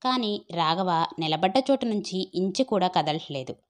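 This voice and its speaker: A woman's voice: on the low side, expressive, moderate pace. Woman narrating an audio story. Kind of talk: scripted narration.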